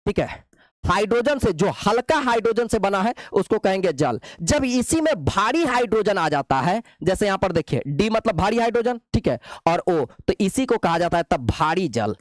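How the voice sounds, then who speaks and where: Male teacher, playful coaxing lecture style, high and animated. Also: normal speed, dry recording. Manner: playful, repetitive, coaxing students with "babu". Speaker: chemistry teacher. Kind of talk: classroom lecture.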